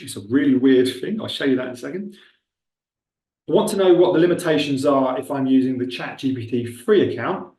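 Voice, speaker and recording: A recruitment trainer with a Milton Keynes English accent gives a casual screen-share tutorial, chatting and thinking aloud as he clicks through a demo. His voice is mid-range with a darkish tone. He's away from the mic, so the sound is distant with a roomy echo.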